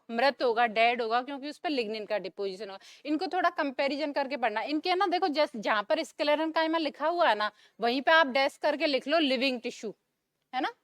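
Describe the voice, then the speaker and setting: A young woman with a high, light voice teaches a class, throwing out questions and answering them herself as she goes over each term again. Her voice sounds close and dry, with no room echo. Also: a little fast, a bit bright. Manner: asks questions and answers them herself, repeats key terms. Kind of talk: classroom lecture.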